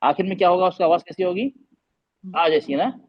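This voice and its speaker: High-voiced male teacher drilling vowel sounds. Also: a little fast. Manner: repeats vowel sounds, quizzes students. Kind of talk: classroom lesson on Arabic vowels. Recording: dull lo-fi recording.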